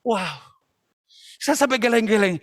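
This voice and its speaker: A man preaching a passionate sermon to young people at an online church service, at times shouting and dropping English phrases into his talk. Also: sits high, lively intonation, unhurried. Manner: addresses listeners as brothers and sisters.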